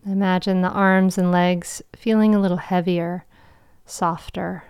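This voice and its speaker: A woman guiding a meditation in a soft, soothing, slow voice with long pauses, breathy and trailing toward a whisper. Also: on the low side, level tone, no echo, studio quality. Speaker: meditation guide and show host. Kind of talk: guided meditation.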